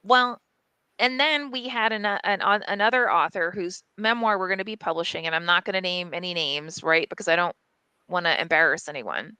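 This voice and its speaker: A woman editor at a small press, telling a story in casual podcast chat, animated, frank and sprinkled with fillers and swearing. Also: lowish voice, brisk, clear, resonant tone, dry recording, low-quality recording.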